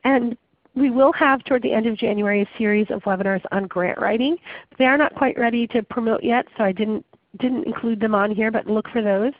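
A woman's voice: a little high, fairly quick, dry recording. Woman hosting a webinar with a cold. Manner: conversational, with frequent ums and uhs. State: muffled voice from a cold. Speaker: webinar host. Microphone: webinar call audio. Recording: dry, phone-like webinar audio.

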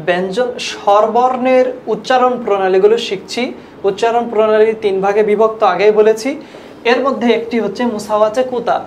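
A woman gives a patient, methodical language lesson, spelling out examples and repeating them for her viewers. Her voice sits at a middle pitch and carries a noticeable room echo, with a faint hum of ambient noise underneath. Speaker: Persian language teacher.

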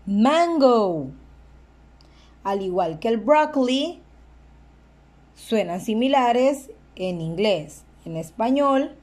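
A woman teaching a language lesson, slowly and deliberately repeating each word for the listener to echo. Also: mid-range voice, a little mellow. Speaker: English teacher. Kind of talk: slow bilingual vocabulary lesson.

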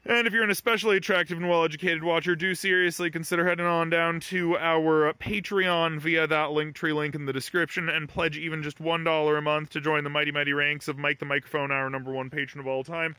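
A man's voice: a little high, level tone, fairly quick, few pauses, pushed and bright, no echo. A man casually narrating a farm vlog from behind the camera outdoors, chatty and rambling. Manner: chatty, rambling, affectionate toward the animal. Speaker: farm vlogger.

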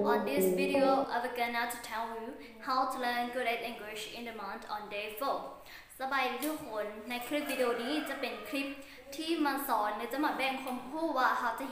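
Lao woman teacher, high voice, very slow word-by-word drills, booming echoey room. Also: fairly even intonation, crowd noise. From Laos. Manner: repeats each word slowly twice, then translates. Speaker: English teacher. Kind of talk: vocabulary lesson.

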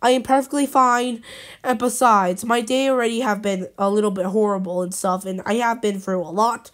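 A woman vlogging casually to her viewers, rambling and repeating herself, her voice hoarse from being sick. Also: mid-range voice, steady tone, brisk. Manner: rambling and repetitive, many restarts. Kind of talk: casual talking-to-camera vlog.

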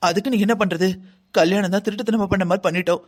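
A voice actor playing a calm, firm middle-aged mother in a cartoon drama, soothing but insistent. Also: mid-range voice, racing, close to an everyday voice.

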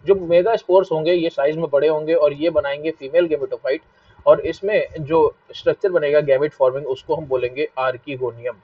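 A man's voice: on the high side, fairly even intonation, moderate pace, no room sound. A male biology teacher with a Hindi accent giving a live online class, repeating key points and asking his students questions. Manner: repetitive, asks students questions and scolds them to stop fighting. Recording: dull lo-fi mic, a bit distant.

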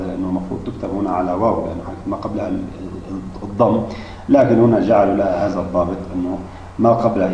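A man's voice: lowish voice, slight background noise. A man teaching Arabic spelling rules, explaining step by step with frequent restarts and hesitations. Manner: halting, many restarts and fillers. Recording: distant mic, echoey room, dull lo-fi.

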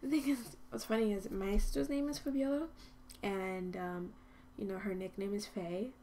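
Chatting through a life-sim game for her channel, a woman gives casual let's-play commentary at a moderate pace, her warm, medium-pitched voice fairly even in intonation. She rambles with many ums and often dips to a whisper, and a little hiss or hum is audible.

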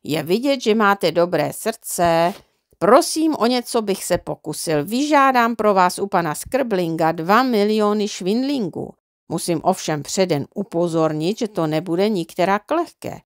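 A woman's voice: mid-range voice, animated, no echo, clean studio sound, lightly acted. A woman voicing a sly, persuasive male swindler, drawing her words out sweetly as she reads a children's storybook.

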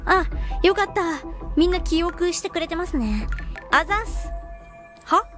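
High, lively woman joking with chat. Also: unhurried, over music. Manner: playful, mock-threatening with chat. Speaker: streamer. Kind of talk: casual game stream chat.

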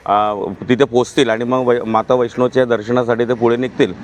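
A man, interviewed for the news, speaking haltingly with many pauses and restarts. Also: medium pitch, level tone, slight background noise. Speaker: interviewee, husband of a tourist.

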